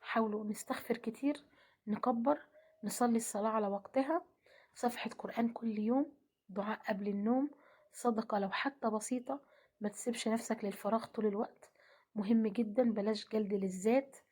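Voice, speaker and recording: A woman with an Egyptian accent giving a gentle devotional talk, often dropping to a half-whisper. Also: on the high side, steady tone, brisk, husky. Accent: Egyptian Arabic. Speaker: religious speaker.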